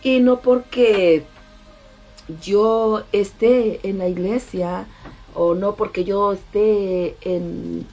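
A woman's voice: mid-range voice, steady tone, very slow, darkish tone, dull audio, faint music behind. A mother in a casual devotional talk, speaking emphatically and repeating key phrases.

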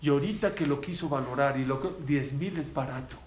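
A man voicing a calm, wise old rabbi who gives instruction in a storytelling sermon. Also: mid-range voice, fairly quick, echoey room, slight background noise, natural voice. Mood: instructive.

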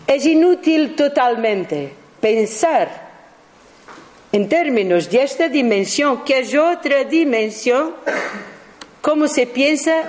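A speaker talks through their own recordings in an unhurried, measured way. They stop and restart often and correct themselves, explaining each point as if to a class. The voice sits in a middle register. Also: mid-range voice, a little mellow, low-quality recording. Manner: halting, with frequent restarts and self-corrections. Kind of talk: slow explanatory talk.

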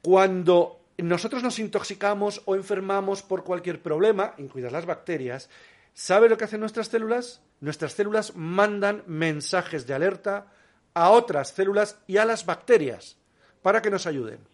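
Male guest, slightly high pitch, lively explainer full of rhetorical questions. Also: normal speed. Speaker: guest biologist. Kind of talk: casual explanatory interview talk.

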